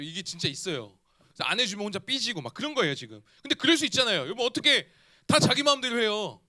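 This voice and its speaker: A man in his thirties giving a youth sermon as pastor, animated and often asking his listeners questions. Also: high-pitched. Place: church.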